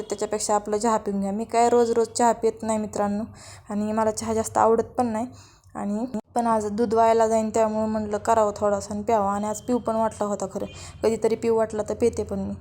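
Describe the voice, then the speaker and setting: A woman's voice: mid-range voice, dark tone. A woman narrating her day in a casual, chatty vlog voice-over. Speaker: vlogger.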